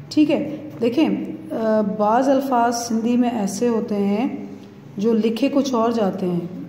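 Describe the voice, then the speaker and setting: A woman teaching young children a lesson, repeating each word slowly and checking that they follow. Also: fairly high pitch, mellow, slight background noise. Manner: slow, repeating words for pupils to copy. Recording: echoey room.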